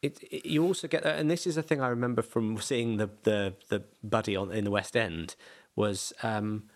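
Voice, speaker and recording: A man's voice: fairly low pitch, steady tone, moderate pace. A man hosting a podcast, chatting casually and thinking aloud with lots of restarts. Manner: rambling, thinks aloud with many restarts and fillers. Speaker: podcast host.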